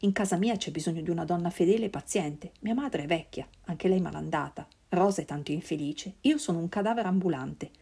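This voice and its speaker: A woman's voice: on the low side, a little fast, gravelly, hardly any pauses, warm tone, breathy edge. A woman voicing a guilt-ridden aging man in a storybook reading, tormented and pleading.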